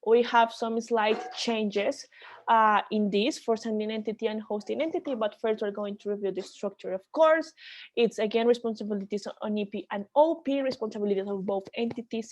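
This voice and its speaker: A woman's voice: medium pitch, a little fast, darkish tone. A woman leading an online training call, explaining rules step by step with frequent restarts.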